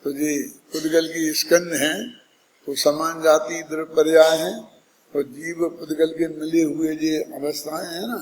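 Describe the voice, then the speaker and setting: A man's voice: on the high side, little pitch movement, a little slow, big-room sound, rough recording. A man giving a scripture discourse, explaining step by step and putting rhetorical questions to his listeners. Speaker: Jain scripture teacher.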